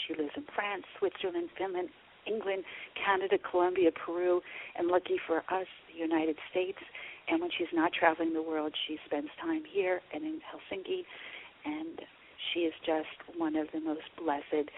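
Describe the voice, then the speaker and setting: A woman's voice: sits low, vocal fry. A woman hosting a podcast, introducing her guest in an effusive, gushing way and asking questions. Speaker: podcast host. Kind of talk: enthusiastic interview introduction. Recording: tinny phone-like line with faint hiss.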